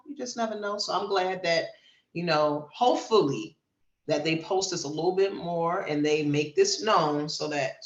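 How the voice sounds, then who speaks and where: Here the co-host's pitch is fairly low and the sound is roomy. She works through news items on the podcast, responding in a casual, emphatic way full of animated storytelling.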